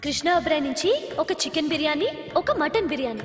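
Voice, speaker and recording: Greedy female ghost, cheeky and bossy, high voice, long hall reverb, soft music behind. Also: expressive, a little fast. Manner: cheeky and bossy, reels off food orders. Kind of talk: film comedy dialogue. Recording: film audio with reverb and music.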